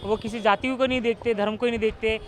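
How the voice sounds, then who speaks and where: A man's voice: high-pitched, fairly even intonation, fast talker, fairly bright tone. A man reporting on a city street, putting challenging questions to the people he interviews. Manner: challenging, pushes back with questions.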